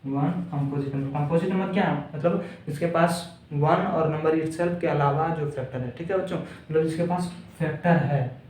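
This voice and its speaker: A man's voice: a little high, normal speed, darkish tone, slight background noise. A man teaching a math lesson to schoolchildren, repeating each point and answering his own questions, with English terms mixed into Hindi. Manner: repetitive, asks questions and answers them himself. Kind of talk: classroom lesson explaining math. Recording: echoey room, voice far from the mic.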